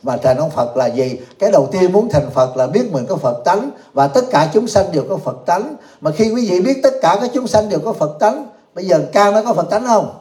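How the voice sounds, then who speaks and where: A man's voice: high-pitched, lively intonation, fairly quick, mellow. A man giving a humorous Buddhist Dharma talk to a live audience. He jokes, laughs often and keeps asking the listeners questions. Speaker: Buddhist teacher. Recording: echoey room.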